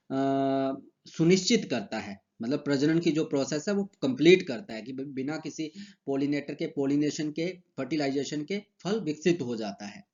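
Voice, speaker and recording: A man gives a recorded university lecture on horticulture in a casual, explanatory way, reading English phrases slowly in an Indian accent and then explaining them in Hindi with many fillers. His voice is mid-range and a little mellow, and the recording is muffled.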